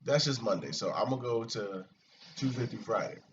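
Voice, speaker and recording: Brief: a male soldier, casual and profane storyteller, average pitch, dull distant recording. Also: a little fast. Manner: rambling, profane and animated. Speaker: soldier vlogger. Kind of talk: casual chat. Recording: distant, muffled mic with light hiss.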